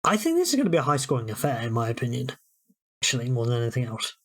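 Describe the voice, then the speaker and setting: A man's voice: medium pitch, wildly swooping pitch, rapid-fire. Chatty British man talking football. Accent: British English. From United Kingdom. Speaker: podcast co-host. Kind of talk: casual sports chat.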